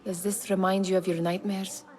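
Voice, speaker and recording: A woman's voice: mid-range voice, little pitch movement, moderate pace, dark tone, faint music behind, close to an everyday voice. An actress playing a curious, teasing young woman adventurer in video game dialogue.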